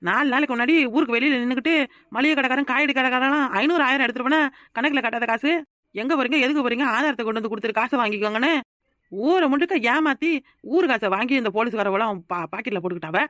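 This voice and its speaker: Woman doing a loud young village woman, southern Tamil Nadu rural accent, high voice, rapid talk, cartoon. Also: no room sound, studio quality. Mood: indignant. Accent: southern Tamil Nadu rural dialect. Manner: fiery, shouting, scolding. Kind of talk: cartoon voice acting.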